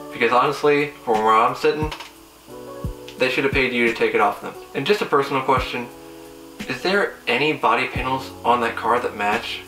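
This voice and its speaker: Young guy doing sarcastic car roasts, bright forceful voice, kinda far from the mic w/ music under it. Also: medium pitch. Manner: sarcastic, teasing. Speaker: car video host. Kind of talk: casual scripted roast and review. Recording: roomy echo, distant mic, faint music.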